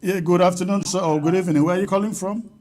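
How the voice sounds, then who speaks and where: High-voiced talk show host pressing. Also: male voice, steady tone, fast talker, darkish tone. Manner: presses the question repeatedly. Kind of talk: radio call-in talk show.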